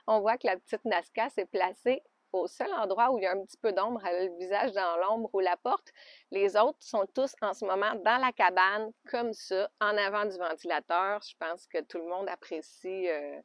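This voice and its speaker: A woman with a Québécois French accent chatting casually in a knitting podcast, homey and loose, with soft laughs. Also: mid-range voice, normal speed, no room sound. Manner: chatty, homey, often laughs softly and adds little fillers. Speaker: knitting podcaster and alpaca farmer. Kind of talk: casual show-and-tell chat. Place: outdoors by an alpaca pen.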